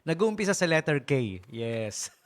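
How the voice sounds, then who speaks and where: Unhurried and fairly high-pitched, a Filipino radio DJ shares funny stories over background music on his broadcast. He speaks casually and jokingly, laughs often, and stays animated throughout.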